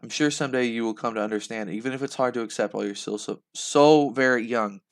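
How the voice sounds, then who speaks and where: A man voicing a gentle, loving mother who speaks in a soft, soothing way. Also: mid-range voice, fast, lightly acted.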